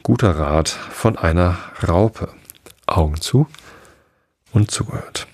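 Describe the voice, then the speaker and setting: A man hosting a sleep podcast, reading a storybook aloud in a slow, soothing, unhurried way. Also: deep voice, darkish tone, no echo. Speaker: podcast host and reader. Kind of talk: calm bedtime story narration.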